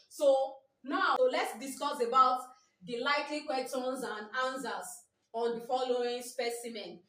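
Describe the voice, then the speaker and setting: A woman with a Nigerian English accent, her pitch fairly high and her tone fairly bright, is teaching a biology exam-prep class. The mic is far away and the room echoes. She often says things twice and asks "what?" before answering her own question.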